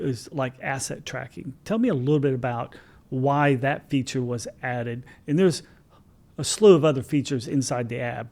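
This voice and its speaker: A man's voice: mid-range voice, creaky, darkish tone. A man in his sixties hosting a podcast, asking friendly, rambling questions with plenty of fillers. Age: 60s. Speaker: podcast host. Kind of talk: casual interview chat.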